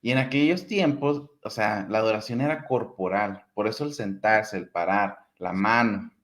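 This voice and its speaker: A man's voice: lowish voice, moderate pace, a bit bright. A man in a casual theology conversation, explaining points at length and repeating himself for emphasis.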